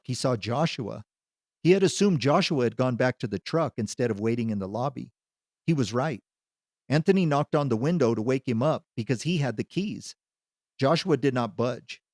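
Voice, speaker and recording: Guy reading a story out loud, even measured pace, mid pitch, dry close sound. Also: dry recording. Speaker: narrator. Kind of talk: scripted story narration.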